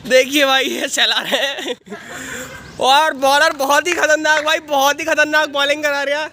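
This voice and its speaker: Excitable young man calling cricket. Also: very high voice, normal speed. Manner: loud, excitable, shouting calls. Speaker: vlogger and player-commentator. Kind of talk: excited live cricket commentary. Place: outdoor turf cricket net. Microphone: handheld phone camera.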